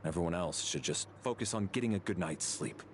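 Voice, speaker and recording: An actor playing an aloof, stoic guardian in a video game, speaking in a serious, formal way. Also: male voice, low-pitched, animated, fairly quick, a little hiss or hum. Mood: composed. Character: aloof, stoic male guardian, curt and dutiful.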